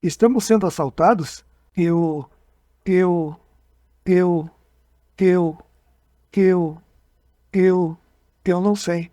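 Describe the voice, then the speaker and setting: A man reading the part of a frightened man who relives an abduction under hypnosis, halting and repeating his words. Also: high voice, fairly even intonation, warm tone, dry recording, clean studio sound. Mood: dazed.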